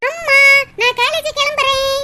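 A woman's voice: extremely high pitch, steady tone, moderate pace, sharp tone, slight background noise, voice pushed up, full character voice. A woman voicing a timid young college girl in a cartoon, speaking in a nervous, childlike way.

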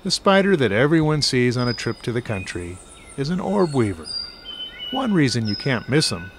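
A man's voice: medium pitch, sing-song, normal speed, slight background noise. A man narrating a scripted nature documentary with an informal, wryly playful manner.

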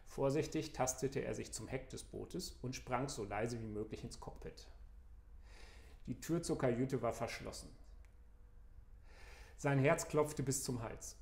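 Gravelly man reading a crime thriller. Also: mid-range voice, a little slow, pauses often, a little mellow, reverberant. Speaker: author reading his novel. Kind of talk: dramatic crime novel reading. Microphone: studio microphone.

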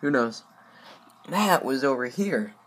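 A man's voice: mid-range voice, animated, slow, a bit bright, slight background noise. Rambling young man by his fish tank. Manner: rambling, many fillers and asides. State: voice a bit loose. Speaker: aquarium vlogger. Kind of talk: casual rambling chat.

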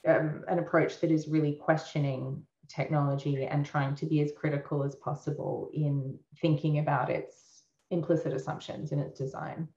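A woman's voice: deep voice, little pitch movement, moderate pace, dark tone, reverberant, muffled recording. A woman artist talking through her work in a thoughtful, hesitant way, with many fillers. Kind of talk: casual conversation.

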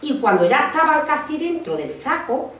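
A woman telling a fairy tale to children at a school, expressive and lively. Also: sits high, normal speed. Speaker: parent reading aloud at school. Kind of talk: storytelling to children. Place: school room. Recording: echoey room, mic far off.

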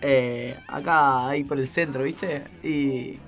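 Bright-voiced Argentine man telling a story. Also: medium pitch, fairly even intonation, slow pace, soft background music. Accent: Argentine Spanish. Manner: storytelling with bursts of laughter. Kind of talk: casual radio chat.

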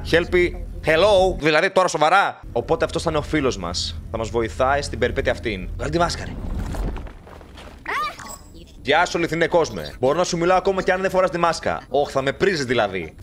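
A young man playing a horror video game, talking to the characters and joking, with sudden shouts when startled. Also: fairly high pitch, slight background noise. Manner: animated, jokey, talks to game characters, bursts into shouts. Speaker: gaming YouTuber. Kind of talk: let's play commentary.

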